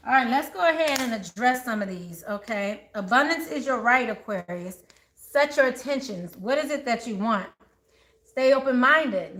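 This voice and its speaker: Laughing often and addressing her viewers head-on, this chatty woman reads tarot cards live. She was born in Texas and grew up in the Maryland and DC area. Her fairly high voice is bright and forceful, captured in an echoey room with faint noise.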